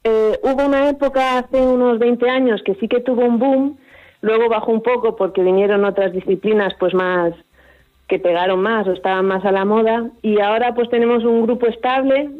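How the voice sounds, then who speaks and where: A woman's voice: a little high, steady tone, normal speed, phone-quality sound. Enthusiastic woman instructor. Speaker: capoeira instructor. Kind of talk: radio interview.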